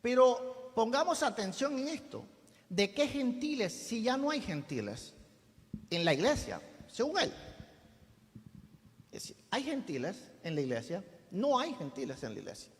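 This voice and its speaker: A man preaching in a debate, pressing his audience with rhetorical questions. His voice sits high for a man, and it rings with the long reverb of a hall. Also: sing-song, a little slow.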